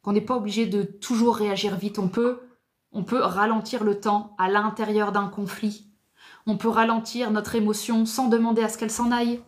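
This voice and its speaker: A woman giving a live talk on psychotherapy, slow and repetitive, sometimes dropping to a near whisper. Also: medium pitch, level tone. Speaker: psychotherapy speaker.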